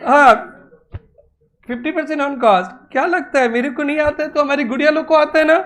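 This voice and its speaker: A man's voice: very high voice, steady tone, fast, fairly bright tone. A man teaching an accounting class to students in a classroom, coaxing answers and repeating prompts. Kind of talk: classroom lecture.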